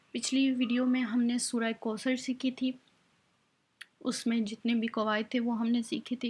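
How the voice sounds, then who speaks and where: A woman's voice: on the high side, a little mellow, breathy edge. Patient woman teaching Quran recitation. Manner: patient, step-by-step explaining, checks in with "okay" often; slows down to spell out recited words. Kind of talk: online tajweed lesson.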